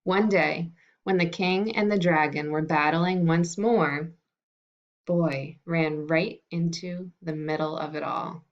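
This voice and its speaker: Teacher lady reading a storybook to her class, friendly and unhurried, lowish voice, dull lo-fi audio. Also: fairly even intonation. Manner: friendly and unhurried, with some fillers. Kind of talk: reading a picture book aloud to a class. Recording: dull lo-fi recording.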